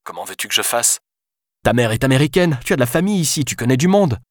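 A man voicing a hurried male police deputy who talks in a rushed, hesitant way. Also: mid-range voice, very animated, dry recording, clean studio sound, pitched above the performer's own voice.

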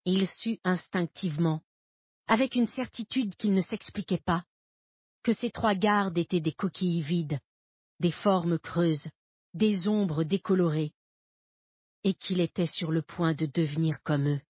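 Woman reading a thriller, husky and dry. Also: on the low side, measured pace, a little mellow, no room sound. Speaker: narrator. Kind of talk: scripted audiobook narration.

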